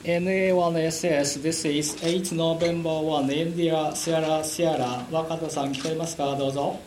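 A man working as a ground station control operator, heard over a radio link. He reads out call signs slowly and repeats his hails. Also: fairly high pitch, steady tone. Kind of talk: amateur radio call procedure. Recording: noisy, echoey radio audio with clicks.

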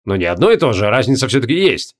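A man's voice: medium pitch, sing-song, fast. A man reading an audiobook voices a big, jovial male sorcerer who teases his friend with lazy banter. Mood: teasing.

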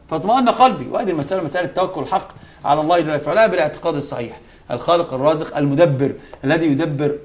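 A man delivering a religious lesson at a brisk, rapid clip, his voice sitting somewhat high for a man. He presses his points by repeating key words and weaves in scripture quotes. Now and then he turns aside to address his students directly. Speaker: sheikh teaching a lesson.

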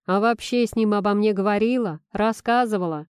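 Read by a warm, mellow-toned woman narrator in a dry, close recording with no echo, this blunt young friend teases and mocks, firing pointed, sardonic questions at her friend yet remaining earnest and firm. The voice is mid-range, brisk, clear and resonant, and sounds natural.

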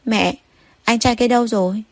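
Woman reading a scared five-year-old girl in a storybook, raised and halting, dry close sound. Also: on the high side, fairly even intonation, darkish tone, dry recording, pitched above the performer's own voice, natural voice. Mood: tearful. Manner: tearful, halting speech.

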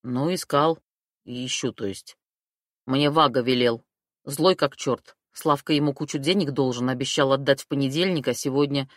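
A woman voicing a nervous, hot-tempered young man who mutters in a lowered voice and flares up into shouting. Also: moderate pace, dry recording, studio quality. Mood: sullish, evasive. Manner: lowered voice, blurts, shouts when accused.

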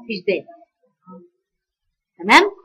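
Bright-voiced Egyptian woman teaching recitation. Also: mid-range voice, very animated, slightly rough, poor audio. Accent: Egyptian Arabic. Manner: corrective, models phrases in slow drawn-out recitation. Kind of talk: online tajweed lesson.

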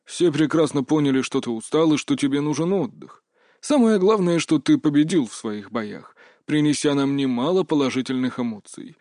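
A man doing a stern, gruff old grandfather. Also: on the high side, lively intonation, normal speed, dark tone, no room sound, clean studio sound, lightly acted. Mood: approving. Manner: firm, curt and instructive. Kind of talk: audiobook character voice.

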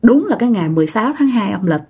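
A woman's voice: mid-range voice, expressive, racing, mellow, breathy edge. A woman voicing an older grandmother who questions and doubts, speaking curtly. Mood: skeptical.

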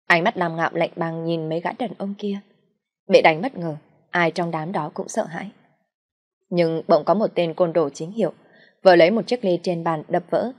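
A woman narrating an audiobook in a steady storytelling read. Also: fairly low pitch. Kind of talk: scripted narration.

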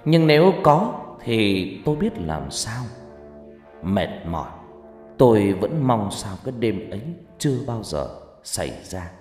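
A man's voice: fairly low pitch, a little slow. Man, storyteller, dramatic ghost story narration, long reverb, music underneath. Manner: lively, dramatic first-person telling.

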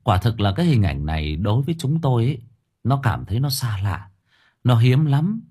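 A man narrating a story in the first person, lively and expressive. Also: medium pitch, a little fast, slightly rough.

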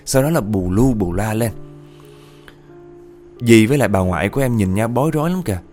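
A man telling a ghost story in a chatty, animated way, often speaking to his listeners. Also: lowish voice, fairly quick, soft background music. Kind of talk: casual ghost-story narration.

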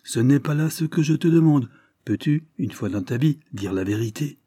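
A man voicing a shrewd gentleman who questions people calmly and firmly. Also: medium pitch, no echo, clean studio sound, pitched above the performer's own voice, natural voice. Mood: probing. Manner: measured, questioning, firm. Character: shrewd gentleman adventurer, calm, probing.

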